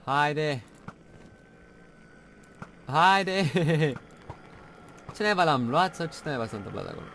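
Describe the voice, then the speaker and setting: A man giving excited live gameplay commentary, shouting at the game and muttering to himself between bursts. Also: fairly high pitch, a little hiss or hum. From Romania. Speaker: gaming video host.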